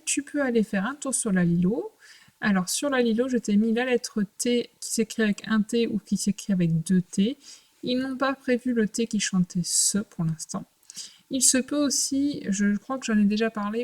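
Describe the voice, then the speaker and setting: A woman teacher records a lesson for young children at home. She explains things patiently in short, clear phrases and leaves pauses between them. Her voice sits at a middling pitch. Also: darkish tone. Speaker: primary school teacher.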